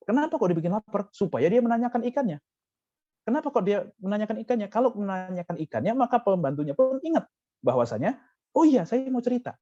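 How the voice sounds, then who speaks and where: A man with an Indonesian accent teaching a casual religious lesson, talking conversationally and acting out lively quotes. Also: high-pitched, fast talker, no room sound, lo-fi sound. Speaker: Quran commentary teacher.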